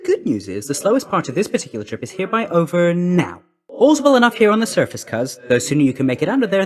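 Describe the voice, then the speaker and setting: Hermes, a highly animated, hurried messenger god. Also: male voice. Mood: urging. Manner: breezy, slangy, chummy, clipped delivery. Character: brisk, cheeky young male messenger god, always hurrying. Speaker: video game character actor. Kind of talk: video game voice lines.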